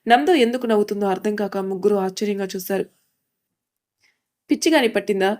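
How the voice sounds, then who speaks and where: A woman storyteller reading a serialized audio story with steady, expressive narration. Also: mid-range voice, quick pace.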